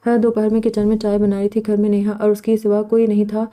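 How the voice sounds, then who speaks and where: A woman narrating a romance novel as an audiobook, in a steady storytelling manner. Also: mid-range voice.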